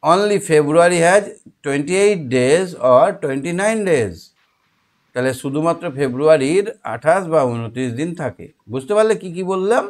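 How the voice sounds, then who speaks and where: A man teaching a young child their homework, asking questions patiently and explaining slowly. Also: a little high, lively intonation.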